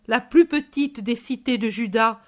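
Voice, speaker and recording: A woman's voice: a little high, a little slow, fairly bright tone. A woman voicing a compassionate male preacher giving a solemn, exhorting sermon.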